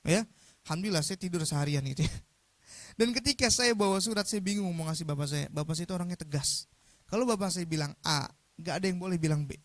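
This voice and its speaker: A young man giving a motivational talk, telling a story in an animated, jokey way and often putting questions to his audience. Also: sits high, fast talker, no room sound. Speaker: motivational speaker.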